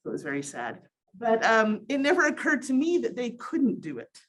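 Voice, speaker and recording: A woman's voice: a little high, sing-song, moderate pace, slight background noise. A middle-aged woman giving an informal academic presentation through a cloth face mask, conversational with wry asides, in a small conference room. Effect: speaking through a cloth face mask. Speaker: presenter, sociology professor.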